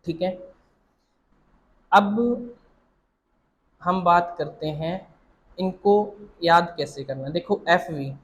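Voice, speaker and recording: A man's voice: on the high side, rough recording. A man teaching shorthand, explaining each point step by step, repeating himself and quizzing the listener.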